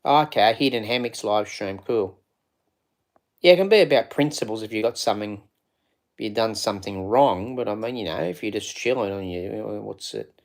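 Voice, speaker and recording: A man hosting a casual live stream, rambling and greeting viewers by name. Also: fairly low pitch.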